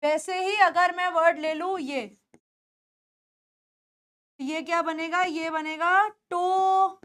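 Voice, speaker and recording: Indian woman teaching english words, very high voice, says each word over and over and keeps asking the class how they'd say it. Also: steady tone, a bit bright. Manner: drills words by repeating them slowly, asks the class questions. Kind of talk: spoken English pronunciation lesson.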